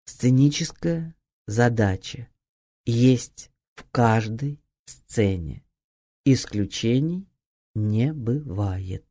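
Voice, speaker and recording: A woman narrates an acting guide in an audiobook read. Her pitch swings widely from line to line, and her timbre stays mellow and soft-edged. She stresses words with clear emphasis. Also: animated, extremely slow. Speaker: audiobook reader.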